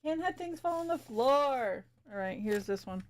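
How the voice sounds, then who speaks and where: A woman's voice: high-pitched, lively intonation, normal speed. A woman streaming live as she paints, chatting casually with viewers, thinking aloud and giggling often.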